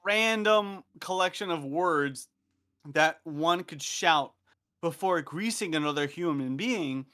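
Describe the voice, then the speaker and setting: Podcast guest, male, casual storyteller, lively and crude. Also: fairly high pitch, takes it slowly. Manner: animated, profane, laughing storyteller. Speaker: podcast guest recounting field exercise.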